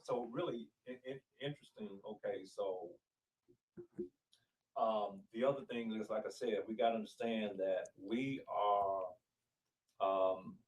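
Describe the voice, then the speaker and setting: A man's voice: lowish voice, fairly even intonation, a little slow, recorded from a distance, poor audio. A man, a pastor, explaining in a studio interview and asking rhetorical questions.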